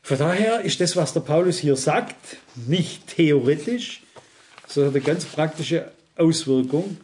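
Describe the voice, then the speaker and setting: A man's voice: fairly high pitch, a little slow, a little mellow. A male preacher giving a sermon, earnest and emphatic, often turning to the congregation with direct questions. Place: church service.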